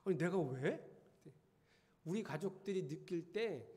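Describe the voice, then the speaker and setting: Middle-aged pastor in a reverberant hall. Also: male voice, high voice, expressive, unhurried, a little mellow. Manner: conversational, teasing the congregation with questions. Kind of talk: sermon. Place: church sanctuary.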